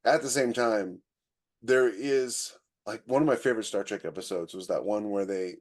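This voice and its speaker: An American man hosts a podcast in casual chat, speaking at a moderate pace with a fairly low, slightly mellow voice. He's opinionated and likes to illustrate his points with anecdotes.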